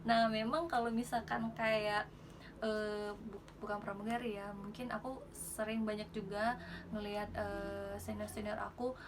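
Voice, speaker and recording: A woman's voice: medium pitch, level tone, measured pace, background noise. A woman from Indonesia chatting casually in a tutorial vlog, informal and rambling, often correcting herself. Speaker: vlogger and flight attendant giving tips. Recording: loud music behind.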